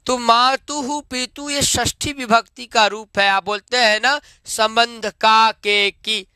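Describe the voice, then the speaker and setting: A man's voice: very high voice, steady tone, bright, forceful tone, clean tone, no echo, clean studio sound. A man teaching Sanskrit grammar, reciting noun forms one by one and checking that students follow. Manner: slow, drilled recitation of forms with checks for understanding.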